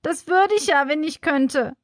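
Woman as young schoolgirl, high and whiny, near tears, children's storybook. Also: a little fast, no room sound, studio quality, close to an everyday voice. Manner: tearful, pleading.

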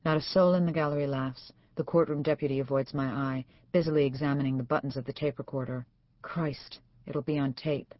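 A woman narrating an audiobook in the first person with a wry, brisk manner. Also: extremely low pitch, fairly even intonation, no room sound. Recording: dull dry studio sound.

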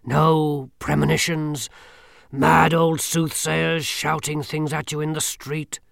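A man reading a storybook, voicing Death as a tall male skeleton who speaks slowly, calmly and mildly. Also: fairly high pitch, creaky, dry recording, pitched above the performer's own voice, heavily acted. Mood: gently sympathetic. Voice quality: slow, hushed, dry and measured. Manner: mild, patient, faintly peevish.

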